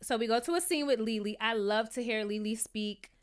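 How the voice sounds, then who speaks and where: A woman's voice: a little high, fairly quick, clean tone. A woman in her thirties with a New York accent, chatting candidly as she reviews a TV show and laughing easily. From New York City. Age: 30s. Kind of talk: casual review chat.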